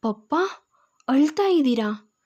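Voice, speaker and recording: Worried young daughter in an audio story, voiced by a woman; high, mellow tone, lo-fi. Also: lively intonation, a little slow. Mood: anxious. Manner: pleading, anxious questions. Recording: dull lo-fi recording.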